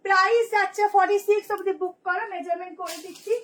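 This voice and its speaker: A hoarse woman, a boutique seller who talks nonstop, showing clothes to viewers in a live sales video. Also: very high-pitched, steady tone, fast, fairly bright tone, slight background noise. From Kolkata, India. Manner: chatty, nonstop talker.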